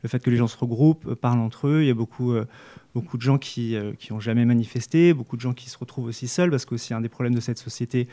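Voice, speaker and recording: Man, 30s, activist guest, mellow tone, earnest, hesitant restarts, handheld mic. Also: mid-range voice, quick pace. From United States and France, raised in Montreal and New York. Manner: earnest, many restarts and fillers. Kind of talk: casual discussion. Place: small studio with brick wall.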